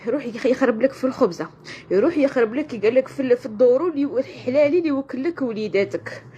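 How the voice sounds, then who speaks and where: A woman's voice: high-pitched, animated, rapid-fire. A woman with a western Algerian Arabic accent, venting tearfully and in anguish in a personal vlog, repeating her phrases. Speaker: online video creator. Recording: dull lo-fi sound with loud-ish noise.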